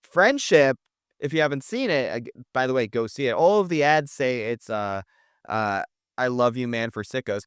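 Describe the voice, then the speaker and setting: A man's voice: mid-range voice, very animated, moderate pace, smooth, dry recording, clean studio sound. A man co-hosting a podcast, talking casually and emphatically about movies, with lots of fillers and the odd swear. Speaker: podcast co-host. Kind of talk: casual movie review chat.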